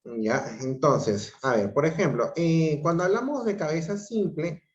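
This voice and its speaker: Male teacher on a video call, unhurried and repetitive, echoey room. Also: a little high, lively intonation. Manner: slow, repeats himself, checks with "¿ok?". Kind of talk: online grammar class. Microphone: computer mic on a video call. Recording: roomy, dull lo-fi video call audio.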